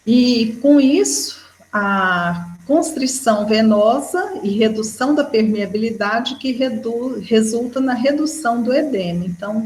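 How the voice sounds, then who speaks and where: A woman with a Brazilian Portuguese accent giving an educational lecture, explaining steadily and often checking in with a quick "né". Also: a little high. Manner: explanatory, with frequent "né" fillers. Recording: echoey room.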